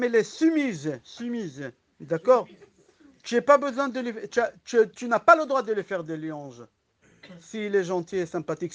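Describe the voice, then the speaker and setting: A man with a slight lisp giving a Torah lesson as a rabbi, animated, asking rhetorical questions and acting out the people in his stories. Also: extremely high pitch.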